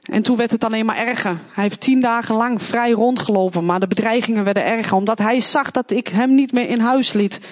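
Speaking fairly quickly in a fairly high voice, a woman shares her personal testimony in church. She is earnest and plain-spoken, heartfelt throughout, and acts out the voices she quotes.

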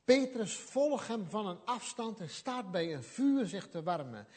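A man's voice: high-pitched, very animated, a little slow, a little mellow, slightly rough. A man preaching a sermon, telling the story with animation and acting out what people said.

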